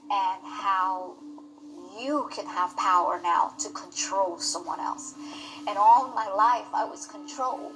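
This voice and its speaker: A woman giving an earnest, halting, emotional personal testimony in an interview. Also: mid-range voice, a bit bright, rough recording. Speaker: testimony guest.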